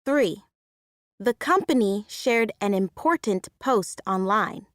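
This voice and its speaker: A woman reading numbered example sentences in a measured way for a listening exercise. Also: medium pitch, expressive, no echo, studio quality. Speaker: sentence reader.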